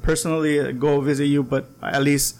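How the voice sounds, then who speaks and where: A man's voice: a little high, flat delivery, fairly quick, a little mellow. A man hosting a small-town podcast interview, rambling with lots of ums and likes. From Southern California border town. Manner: rambling, many fillers. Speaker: podcast host.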